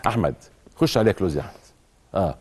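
A man with an Egyptian Arabic accent hosting a TV studio interview, asking lively questions and directing the camera operator. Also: deep voice, racing, background noise. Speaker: talk show host.

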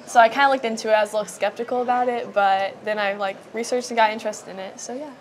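Teen girl student, hesitant, fillers, bright higher pitch, lapel mic. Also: fairly even intonation, fast talker. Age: teens. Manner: hesitant, lots of um and like. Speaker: student competitor. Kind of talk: casual interview answers. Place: large hotel convention hall.

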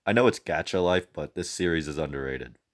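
A young man with a low voice reacts to a video from his home mic. He chats loosely, laughs at his own slips and pokes fun at himself. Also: brisk. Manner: chatty, self-mocking, laughs often. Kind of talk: casual reaction commentary.

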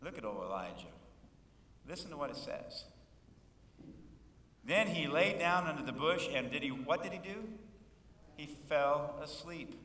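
A man's voice: fairly high pitch, very animated, moderate pace, pauses often, sharp tone. A man in his fifties preaching a sermon as pastor, folksy and joking, calling for responses from the congregation. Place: church sanctuary. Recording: echoey church hall from far off.

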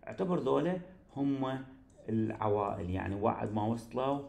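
A man with an Iraqi Arabic accent teaches an online English grammar class, explaining patiently and often checking that his students follow. His voice is gravelly and mellow, and the room around him rings with a noticeable echo. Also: lowish voice, expressive, fairly quick, slight background noise. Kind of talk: recorded online lecture.

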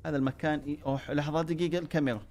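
A man giving excitable commentary over his own gameplay, cheering himself on and joking with his viewers. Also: fairly high pitch, very fast. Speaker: gaming YouTuber.

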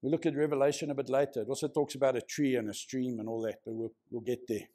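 A man's voice: mid-range voice, little pitch movement, fast, warm tone. A man preaching a conversational sermon to a congregation, prodding them with questions. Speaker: pastor. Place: church, before a congregation.

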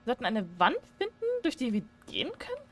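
A woman's voice: a little high, huge pitch swings, fast, fairly bright tone, slight background noise. A woman giving joking, chatty commentary while playing a horror game, talking to viewers at a desk microphone. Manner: chatty, joking, shrieks when startled. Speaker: gaming streamer. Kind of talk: let's play commentary.

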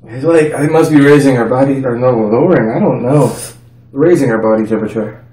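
A man, young adult, chatting casually through a food challenge, halting and dazed with his mouth burning from spicy food. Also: medium pitch, warm tone. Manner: halting, breaking off mid-thought. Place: indoors at a dining table in a home. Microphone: far camera. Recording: roomy, distant mic, faint noise.

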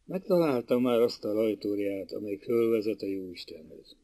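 A man narrating a classic novel as an audiobook in a lively, expressive storytelling manner. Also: on the low side, no room sound.

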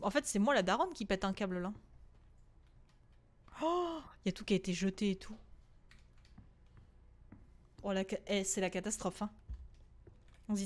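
A young adult woman with a medium-pitched voice does let's-play commentary while streaming a horror game, chatting casually with viewers. She swears freely, repeats herself in quick bursts, and shrieks whenever the game startles her.

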